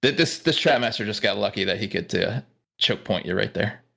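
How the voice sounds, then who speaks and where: A man running a tabletop game as game master, explaining rules in a relaxed way with many fillers. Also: on the low side, fairly quick, gravelly, husky.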